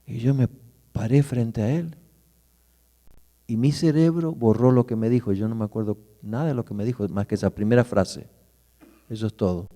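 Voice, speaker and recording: This middle-aged pastor from Argentina preaches with warm, mellow vocal color in a mid-range voice, at normal speed with long pauses. His sermon is vivid personal storytelling that swings from loud to hushed, and a church hall's long reverb surrounds it.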